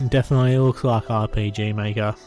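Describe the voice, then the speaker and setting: A man's voice: on the low side, fairly even intonation, a little fast, a little mellow, faint music behind. A man giving casual, rambling gameplay commentary and reading on-screen text aloud. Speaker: gameplay reviewer.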